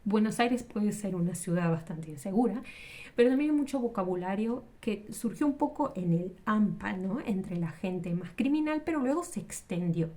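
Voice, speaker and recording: A woman's voice: mid-range voice, animated, moderate pace, warm tone. A woman teaching Spanish in a casual, patient way, explaining with examples and often correcting herself mid-sentence.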